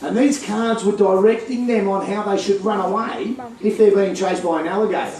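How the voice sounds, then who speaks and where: A man's voice: high voice, normal speed, darkish tone. An Australian man presenting a crocodile feeding show to a live crowd, teasing the audience with jokes. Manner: jokey, teasing banter with the audience. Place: outdoor crocodile farm show area. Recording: echoey sound from a distance.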